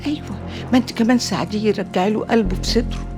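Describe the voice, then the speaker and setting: An actress playing a shrewd, proverb-quoting older matriarch with an Egyptian Arabic accent, in a TV drama. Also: female voice, medium pitch, very fast, over music, close to an everyday voice. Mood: scheming. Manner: sly, proverb-quoting, teasing. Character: shrewd older neighborhood matriarch, scheming aunt figure. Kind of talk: TV drama acting.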